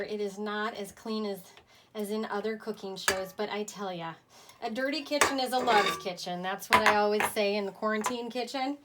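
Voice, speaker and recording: A woman's voice: a little high, a bit bright. A woman hosting a casual home cooking demonstration, chatty and folksy in a playfully self-deprecating way. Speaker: home cooking show host. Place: home kitchen, indoors. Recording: noisy home kitchen recording.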